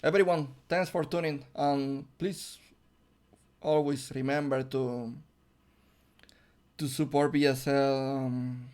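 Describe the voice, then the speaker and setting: A young man casting a game on his own, hoarse and losing his voice, who bursts into high excited yelps at big plays. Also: slow pace, pauses often. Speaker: esports caster. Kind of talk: solo game commentary.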